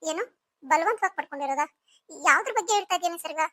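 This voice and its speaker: A gentle older sister in a cartoon story, coaxing and soothing, as a woman puts her on. The voice is very high and bright, and she talks fast. It is recorded close and dry. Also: dry recording. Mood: caring.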